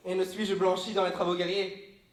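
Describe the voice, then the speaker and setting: In a live comedy sketch, a man plays his girlfriend's mother's young helper, a comic stage character who dutifully reads classical verse aloud. His natural voice is high-pitched with little pitch movement at normal speed, and the large hall gives a roomy, echoey sound.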